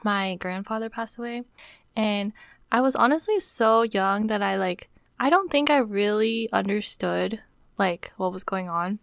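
In a casual podcast chat, a young woman co-host gets emotional and nearly cries, filling her speech with "like." She speaks at medium pitch and a little slowly, her voice gravelly and a bit bright, with no room sound.

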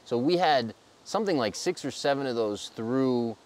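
A man's voice: mid-range voice, animated, moderate pace, darkish tone, a little hiss or hum. A man hosting a casual, conversational interview. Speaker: interviewer, host.

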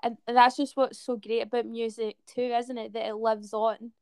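A woman's voice: fairly high pitch, little pitch movement, moderate pace, a little mellow, clear, resonant tone, no room sound, studio quality. A woman of twenty-six hosting a music podcast, chatting casually and asking friendly questions. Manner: friendly, laughs often, asks follow-up questions. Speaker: podcast host. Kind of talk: casual interview chat.

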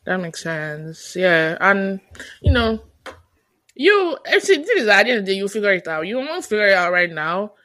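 A woman's voice: medium pitch, very animated, normal speed, bright, forceful tone. A woman co-hosting a podcast in casual chat, playful and teasing, with mock exasperation. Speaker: podcast co-host.

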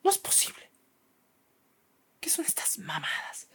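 A man's voice: high voice, very animated, a little slow, pitched above the performer's own voice, full character voice. Mexican man playing an exasperated schoolteacher, swearing, fed up with a pupil. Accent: Mexican Spanish. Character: scolding schoolteacher woman, fed up.

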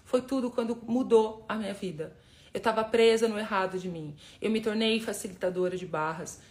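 A woman's voice: mid-range voice, a little fast, darkish tone. A woman hosting a casual motivational live stream, talking straight to her viewers, emphatic and repeating words for force. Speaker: live-stream host, personal development facilitator.

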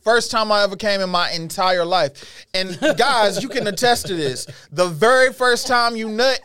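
High, smooth-voiced man telling crude stories. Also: moderate pace, pushed and bright. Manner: profane storytelling, stammering restarts. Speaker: podcast co-host. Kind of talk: casual chat.

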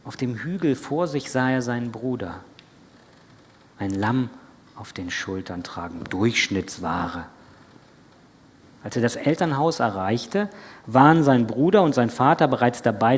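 A man's voice: mid-range voice, lively intonation, moderate pace, a little hiss or hum. A man preaching a sermon as a retold story, dramatic, now and then dropping to a whisper. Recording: breathy voice in a long church reverb.

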